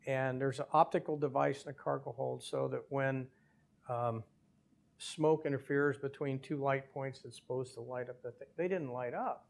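An older man with a gravelly, creaky voice tells his story as an interview guest. He speaks in a measured, detailed way, pausing briefly now and then as he recalls it. His voice sits at an ordinary middle pitch. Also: fairly even intonation. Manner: measured, detailed recounting with small hesitations. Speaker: airline captain, interview guest. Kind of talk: conversational storytelling.

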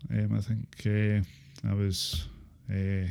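A Scottish man in his thirties recalling his life in a casual interview, speaking haltingly with repeated filler phrases. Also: fairly low pitch, level tone, vocal fry, warm tone, clear, resonant tone. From Inverness, Scotland. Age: 30s. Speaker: interview guest, former supported-housing tenant. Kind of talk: casual interview, personal recollection.

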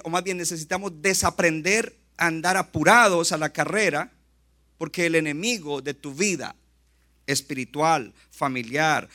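A male pastor preaching a lively sermon, often acting out short asides and quotes. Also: a little high. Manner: animated preaching, acts out quick asides.

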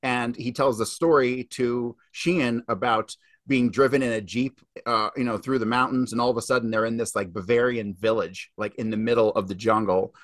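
A man speaks as a podcast guest in a loose, emphatic ramble, swearing freely as he piles on details. His voice sits at an ordinary middle pitch. The sound is dry and close with no room around it. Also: fairly even intonation, a bit bright, no room sound. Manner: emphatic, swears often, fast rambling delivery. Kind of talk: casual interview talk.

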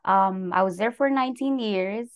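A young adult woman from the Philippines chats casually as an interview guest, relaxed and full of "like" fillers, laughing between phrases. Her voice is mid-range with a moderate pace and clean tone.

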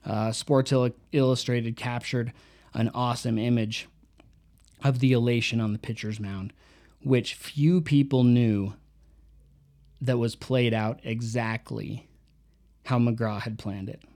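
A man with a mellow, warm tone talks through a self-help book in a relaxed monologue. He reads short quotes aloud, then reflects on them with his own anecdotes. His pitch sits in an ordinary middle range. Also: unhurried, long pauses. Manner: reflective, reads out quotes and adds personal stories. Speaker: book reviewer. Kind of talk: casual book review monologue.

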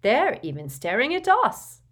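A woman voicing an earnest, clumsy teenage boy wizard, talking loudly and eagerly. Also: on the high side, huge pitch swings, unhurried, slightly rough, voice pushed up, full character voice.

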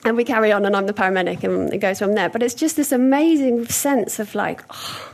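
Young adult woman giving a sermon, slightly husky, easygoing and chatty. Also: mid-range voice, brisk. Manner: conversational, warm storytelling with hesitations. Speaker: preacher.

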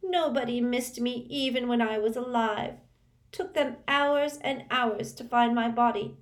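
A woman reading aloud and voicing a sulky, self-pitying teenage girl ghost, whiny and shrill. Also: unhurried, lightly acted. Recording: roomy echo.

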